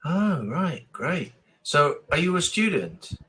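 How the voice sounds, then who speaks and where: An English man from England tutors someone one-to-one over a video call, chatting casually and encouragingly while repeating and rephrasing his advice. His voice is a little high, slow, pushed and bright, with big swings in pitch.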